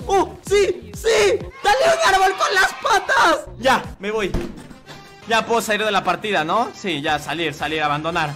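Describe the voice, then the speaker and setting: A young man, joking and laughing his way through casual gaming commentary at his desk. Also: sits high. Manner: playful, joking, quick to laugh. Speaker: gaming YouTuber.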